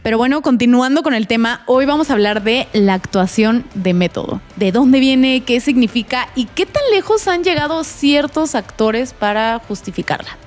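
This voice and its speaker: Playful Mexican woman vlogger, bright voice. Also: on the high side. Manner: playful, slangy, jokey asides. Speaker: film vlogger and host. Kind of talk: casual scripted film commentary. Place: provisional home recording spot.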